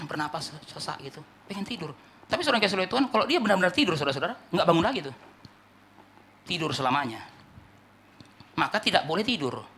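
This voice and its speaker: High, fast, gravelly-voiced preaching man. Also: a little hiss or hum. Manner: emphatic preaching, swinging from loud climaxes to low asides; repeats "saudara yang dikasihi oleh Tuhan" as a refrain. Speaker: pastor. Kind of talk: sermon.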